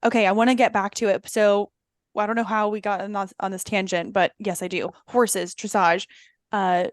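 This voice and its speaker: A woman's voice: mid-range voice, little pitch movement, normal speed, dry recording, clean studio sound. A woman hosting a podcast in casual chat, talking in a rambling way and asking her guests lots of questions. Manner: chatty, rambling, asks many questions. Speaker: podcast host.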